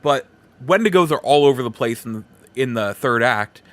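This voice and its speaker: His mid-range voice is expressive and moves at a moderate pace. The man, hosting a podcast, offers a casual, meandering movie review monologue that feels conversational.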